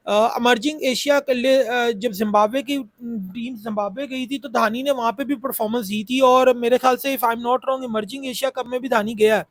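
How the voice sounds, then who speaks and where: His pitch is extremely high, and the recording is dry. He's a cricket YouTuber from Pakistan, nursing a sore throat while chatting through some casual analysis of the sport in a repetitive, filler-heavy way.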